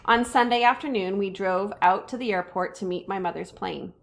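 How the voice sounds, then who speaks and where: A woman reading a children's chapter book aloud with expressive character voices. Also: medium pitch, moderate pace, vocal fry. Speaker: reader.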